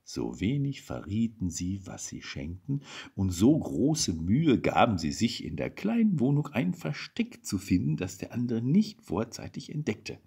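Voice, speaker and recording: A man reading aloud a Christmas story in an expressive, animated way. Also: lowish voice, measured pace, gravelly, slightly rough.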